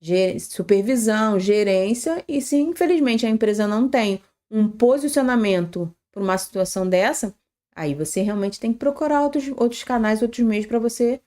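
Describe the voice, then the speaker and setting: A woman's voice: on the high side, darkish tone. A woman answering a question on a live stream with earnest, practical advice, dotting her sentences with "tá?" and "né?" and correcting herself as she goes. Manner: earnest and advisory, with frequent "tá?" and "né?" tags and self-corrections. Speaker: panelist on a live workplace-safety broadcast.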